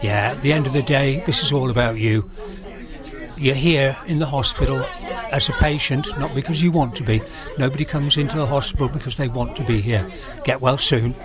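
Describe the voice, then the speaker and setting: In a casual hospital radio interview, a man in his sixties from South Wales talks earnestly in a Welsh accent, with a mid-range voice that runs a little fast. The recording picks up crowd chatter from the busy room at a radio party.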